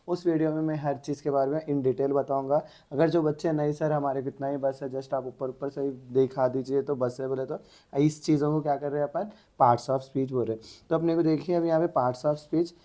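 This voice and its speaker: A man's voice: medium pitch, mellow. A man teaching an exam-prep English grammar lesson, asking the class questions and answering them himself.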